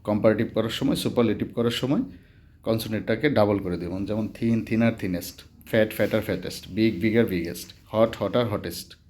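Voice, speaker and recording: A male teacher with a Bangladeshi Bengali accent explains a grammar lesson in a calm, measured way. His voice sits fairly low, and he works through each example methodically, repeating word forms and pausing with small fillers.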